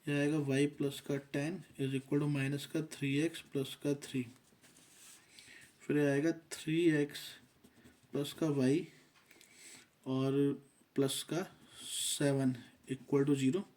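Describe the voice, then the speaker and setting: A man's voice: medium pitch, flat delivery, takes it slowly, pauses often, a little mellow. A man teaching a math lesson, working through steps methodically and mixing English terms into his explanation.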